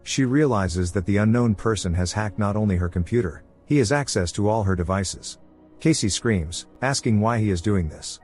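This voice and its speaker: A man narrating a film recap in a steady, scripted storytelling voice. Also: fairly low pitch, moderate pace. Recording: narration with faint music underneath. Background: soft background music.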